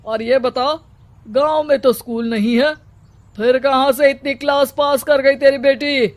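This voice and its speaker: Domineering cartoon village headman, played by a man; extremely high voice, commanding, mocking, self-important. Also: steady tone, unhurried. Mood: suspicious, mocking. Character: stern, domineering village headman who oppresses women. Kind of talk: Hindi cartoon character acting.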